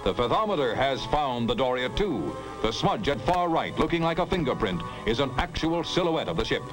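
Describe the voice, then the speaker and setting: A man's voice: medium pitch, big pitch swings, moderate pace, music in the background, low-quality recording. A man narrating an old 1950s newsreel in the announcing manner of the era.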